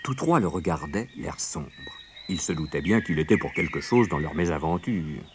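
A man narrating a children's story with expressive, lively delivery. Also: rumbling low, moderate pace, slight background noise.

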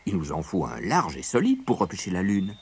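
A man voicing a mischievous little male rabbit trickster in a storybook, teasing and excitable. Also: deep voice, brisk, breathy edge, full character voice. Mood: sly.

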